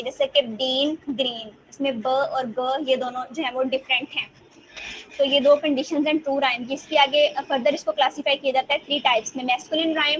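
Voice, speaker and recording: A woman teacher lecturing in Hindi, mixing in English terms and reading English definitions slowly before she explains them. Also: high-pitched, a bit bright, a little hiss or hum, poor audio. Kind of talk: lecture on rhyme types.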